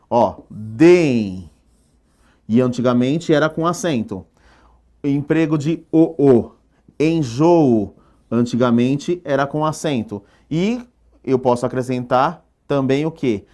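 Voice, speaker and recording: A man's voice: mid-range voice, darkish tone. A man with a Brazilian Portuguese accent teaching an exam-prep lesson at a board, explaining step by step and often checking in with the class.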